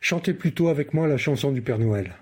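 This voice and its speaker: A man reading a calm, sensible storybook character who explains things. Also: mid-range voice, fairly quick, husky.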